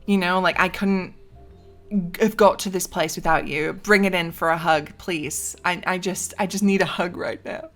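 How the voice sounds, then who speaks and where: A woman voicing a sentimental young man who speaks softly and earnestly to his best friend. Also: on the low side, steady tone, normal speed, faint music behind, natural voice. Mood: tender, pleading. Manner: soft, pleading, earnest.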